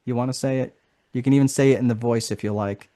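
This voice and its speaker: A man's voice: medium pitch, steady tone, quick pace, mellow. A man hosting a live online course session in a casual, chatty way, often tagging sentences with "right?". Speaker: marketing strategist presenting a course.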